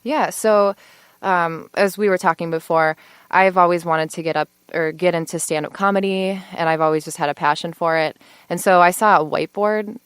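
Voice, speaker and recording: A woman's voice: fairly low pitch, fairly even intonation, normal speed, smooth, no echo. A woman in her twenties, a law student, chatting as a podcast guest with lots of fillers and easy laughs. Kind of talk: casual podcast interview.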